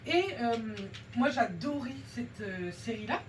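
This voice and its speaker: Doing her makeup at home, a young beauty vlogger from France rambles casually in a slangy, self-mocking way. She talks slowly in a fairly high, sing-song voice over a little hiss or hum.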